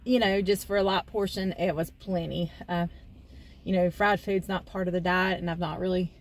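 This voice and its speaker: A woman's voice: on the low side, fairly even intonation, normal speed. A woman co-hosting a casual food vlog, chatting in an easygoing way from inside a parked vehicle. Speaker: co-host, wife. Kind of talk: casual food review chat.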